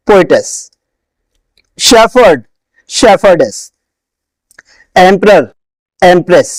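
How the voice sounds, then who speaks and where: A man's voice: high-pitched, a little mellow, dry recording, low-quality recording. A man teaching an English grammar lesson, patiently asking questions and then answering them himself. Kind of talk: classroom lesson explanation.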